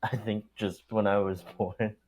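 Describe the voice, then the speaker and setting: Laid-back young man, low voice. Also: flat delivery, a little slow, a little mellow. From California. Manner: laid-back, laughs at his own stories. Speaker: podcast guest. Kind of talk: casual chat.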